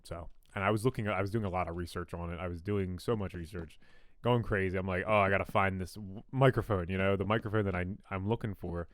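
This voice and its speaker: A young gaming YouTuber with a fairly deep, radio-style voice rambles through casual commentary while building in a game. He talks fast with fairly even intonation, putting himself down and filling the talk with ums and restarts. His new studio condenser mic gives a clean sound with no echo.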